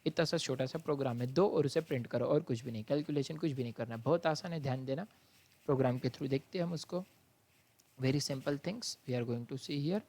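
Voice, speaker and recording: A man's voice: medium pitch, darkish tone. Patient male lecturer explaining step by step. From India. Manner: patient, explains step by step and calls students "beta"; reads exam questions out slowly. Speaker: college lecturer. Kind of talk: programming lecture to students.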